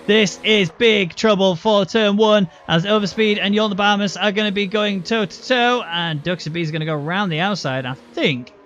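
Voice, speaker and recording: A man's voice: sits high, normal speed, hardly any pauses, a bit bright. A man giving live motorsport commentary, calling the race play-by-play and explaining the moves as they unfold. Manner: running play-by-play with explanatory asides. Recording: muffled, noisy, engine sounds behind.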